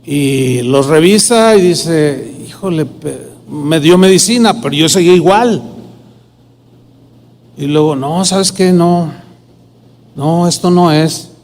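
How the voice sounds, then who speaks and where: Pastor preaching in a reverberant hall. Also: male voice, a little high, slow, darkish tone. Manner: storytelling, acts out dialogue in quoted voices. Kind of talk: sermon with personal testimony.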